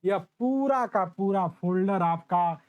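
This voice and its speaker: A man teaching a grammar class as the teacher, drawing out example sentences slowly and calling his students his children. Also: high-pitched, clean tone, lo-fi sound.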